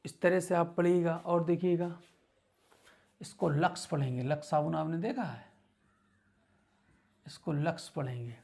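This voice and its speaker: Slow, gravelly-voiced teacher. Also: male voice, a little high, steady tone, darkish tone. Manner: slow, patient, repeats words for learners. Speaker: English teacher. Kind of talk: beginner English lesson.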